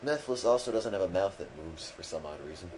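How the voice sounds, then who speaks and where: A man's voice: low-pitched, lively intonation, quick pace, a little mellow, slight background noise, rough recording. A man hosting a charity game stream, giving dry, sarcastic commentary while playing, over game music. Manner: dry, sarcastic, self-deprecating. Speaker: stream host and game player. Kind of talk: let's play commentary.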